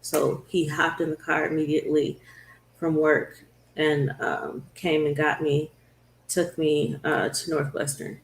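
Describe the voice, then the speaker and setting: A woman's voice: deep voice, fairly even intonation, creaky, reverberant, a little hiss or hum. A woman talk show host telling the story of her own illness in an earnest, conversational way. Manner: earnest, storytelling, slows down at hard moments.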